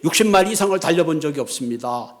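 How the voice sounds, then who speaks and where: A pastor doing a flustered driver making excuses. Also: male voice, a little high, animated, lightly acted. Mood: defensive. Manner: defensive, quick excuses.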